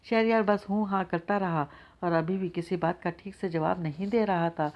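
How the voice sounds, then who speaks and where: A woman narrating a novel in a steady, measured reading. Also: fairly low pitch, highs cut off. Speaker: audiobook narrator.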